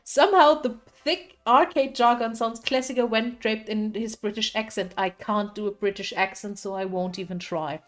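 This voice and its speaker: A woman's voice: on the high side, moderate pace, few pauses. A young woman streamer reading a visual novel aloud, playful and chatty, laughing often.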